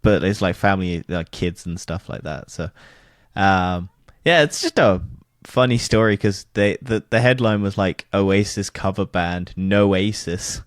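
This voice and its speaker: A man's voice: sits low, a little slow, dry recording, studio quality. A man co-hosting a casual podcast, rambling, swearing and laughing as he goes. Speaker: podcast co-host. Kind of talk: casual chat.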